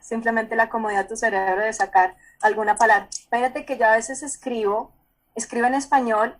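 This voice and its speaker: Poor audio carries the somewhat high voice of a Colombian woman psychologist on a video call. Her explanations move at a relaxed, conversational pace, with repeated words and frequent pauses to check the listener keeps up.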